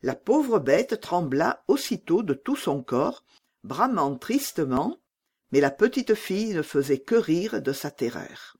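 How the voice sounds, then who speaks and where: A woman narrating a children's storybook with an expressive, lively reading. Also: on the low side, slow, husky.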